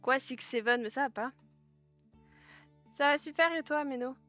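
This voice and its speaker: A woman streaming live while making clothes, chatting with viewers, telling stories, laughing often and switching into halting English. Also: sits high, muffled recording. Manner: chatty storyteller, laughs often, answers chat. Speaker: livestreamer and clothing maker. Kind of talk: casual chat with live viewers. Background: soft background music.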